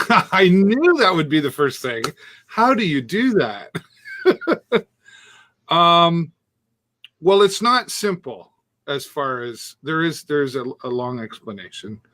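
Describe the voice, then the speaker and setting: Co-hosting a casual live-stream chat over a Bluetooth earpiece, a man walks through his tech setup step by step, chuckling and letting sentences trail off. His fairly high voice swings widely in pitch and sounds pushed and bright, and he speaks slowly with long pauses.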